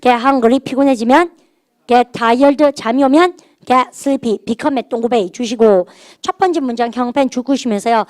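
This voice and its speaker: A middle-aged woman teaches a grammar lesson in a higher voice, prompting her class to repeat after her again and again. The sound is close and completely dry, with no room in it. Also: measured pace, a little mellow, no echo. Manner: drills students with call-and-response prompts. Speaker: English teacher. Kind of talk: recorded grammar lecture.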